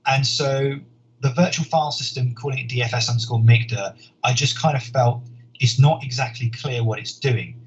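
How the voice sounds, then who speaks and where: A man, a software engineer, giving a conference talk in an earnest, explanatory way, often repeating words as he thinks. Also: medium pitch, normal speed. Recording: dull lo-fi sound with faint noise.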